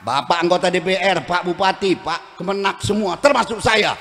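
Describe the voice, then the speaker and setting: A middle-aged man, preaching a humorous religious sermon with shouts for emphasis and acted-out quotes. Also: high-pitched, normal speed, in a large hall.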